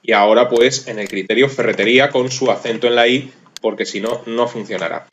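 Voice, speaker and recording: A man's voice: mid-range voice, steady tone, fairly quick, highs cut off, a little hiss or hum. Methodical man narrating a screencast. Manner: methodical, thinks aloud, self-deprecating about his typing. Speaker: programming course instructor. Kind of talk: screencast tutorial walkthrough.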